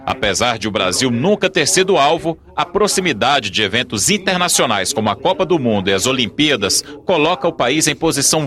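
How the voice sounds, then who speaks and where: A Brazilian man delivering a scripted news report in a steady, formal tone. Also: fairly high pitch. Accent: Brazilian Portuguese.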